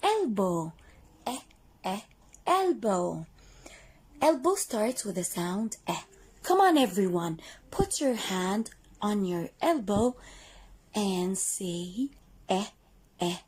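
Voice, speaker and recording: A woman teaching young children in the manner of a kids show host, with sing-song questions and praise and clearly repeated sounds. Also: mid-range voice, big pitch swings, drawn-out words, long pauses, a little mellow. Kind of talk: kids show host presenting an interactive lesson.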